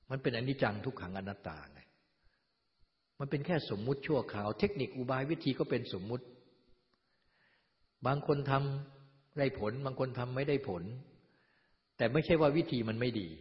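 Male Buddhist teacher, calm and steady, lo-fi recording in a reverberant hall. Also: mid-range voice, unhurried, pauses often. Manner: calm, repeats a gentle "na" between points. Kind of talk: dharma talk. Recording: dull lo-fi sound, long hall reverb.

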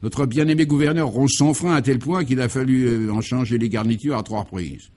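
A man's voice: medium pitch, a little fast, darkish tone, close to an everyday voice. A man voicing a pompous male secret-service officer who speaks with stiff formal courtesy. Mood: reassuring. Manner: formal, courteous, then barking orders.

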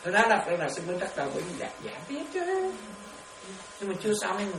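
Very fast and with vocal fry, a medium-pitched woman speaks as a Buddhist nun teaching meditation in a dharma talk. Lively and quick to laugh, she keeps checking with questions that the audience follows, and a distant mic picks her up in a noisy, echoey room.

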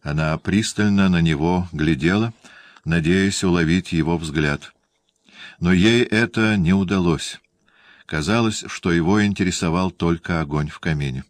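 Low-voiced guy reading a classic novel aloud, measured and even, dry booth sound. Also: no echo. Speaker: audiobook narrator. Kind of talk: scripted literary narration.

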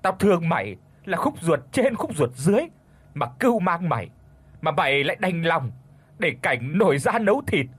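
A man's voice: fairly high pitch, big pitch swings, moderate pace, slightly rough, no echo, voice pushed up. A man voicing a pleading young wife. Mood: anguished anger. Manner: trembling, pleading, tearful.

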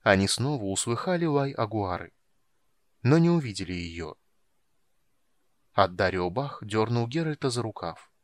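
Guy narrating an audiobook, lowish voice, dry close mic. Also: lively intonation, normal speed, pauses often, no echo. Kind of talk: audiobook reading.

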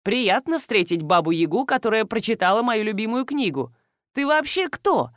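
A woman voicing a gruff, blunt farmer. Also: fairly high pitch, sing-song, normal speed, dry recording, clean studio sound. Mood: mocking. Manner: loud, scolding and mocking. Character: hot-tempered middle-aged male farmer, gruff and blunt. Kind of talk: audiobook dialogue.

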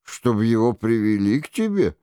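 A sardonic jester, as a male reader plays him, dropping into a low, gruff register to mock and command. The words are clear and unhurried. The sound is close and dry. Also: big pitch swings, warm tone, no echo. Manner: low, mocking orders.

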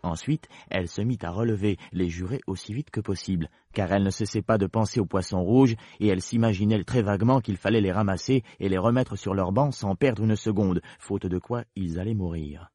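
A man narrating a storybook in a measured, storytelling manner. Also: fairly low pitch, mellow, husky, no echo, clean studio sound.

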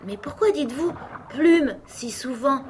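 A woman's voice: animated, normal speed, background noise, lightly acted. A woman voicing a curious, polite little girl who speaks eagerly and in wonder. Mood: indignant. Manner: eager, wondering, high-pitched.

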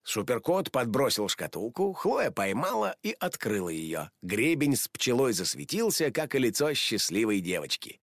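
A man reading a children's storybook aloud in an animated, expressive way. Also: medium pitch, moderate pace, hardly any pauses, no echo, studio quality. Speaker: narrator.

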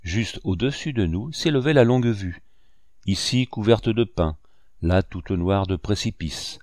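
A man reading a classic novel aloud as an audiobook narrator, in a steady, measured way. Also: fairly low pitch, no room sound, studio quality. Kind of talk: scripted narration.

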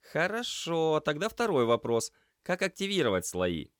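A lively young trainee medic, upbeat and quick to tease, his voice sitting well above the reader's own and leaping around as he talks, as a male audiobook reader puts him on. The recording is close and dry, with no room sound at all. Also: on the high side, no echo, voice pushed up. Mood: businesslike. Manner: brisk, upbeat and teasing. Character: cheerful energetic young male paramedic trainee.

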